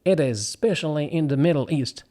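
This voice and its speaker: A voiceover actor whose first language is Arabic talks casually to camera about his craft. His slightly high voice is brisk and warm, and he explains earnestly, with frequent restarts and asides.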